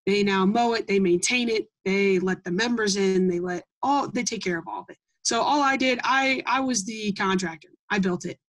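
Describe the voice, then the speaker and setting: A woman's voice: mid-range voice, moderate pace, few pauses, low-quality recording. A young woman from Iowa answering interview questions about her project, talking earnestly with many ums and restarts. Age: young adult. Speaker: interviewee, Gold Award scout.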